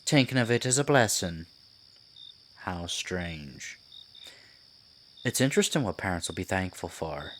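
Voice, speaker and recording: A low-voiced, sinister piper acted out by a man in an ASMR fantasy roleplay. He is silky and condescending, coaxing his prey like a theatrical storyteller with lively swings of pitch. Night insects chirp faintly behind him. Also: unhurried, pauses often, slight background noise, heavily acted. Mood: feigned concern, probing. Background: crickets, night forest ambience.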